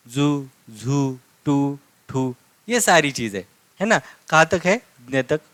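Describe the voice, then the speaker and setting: A man teaching a live online language lesson, slowly drilling words by repeating each one and checking in with tag questions. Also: mid-range voice, fairly bright tone, no echo. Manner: slow, repetitive drilling with frequent tag questions.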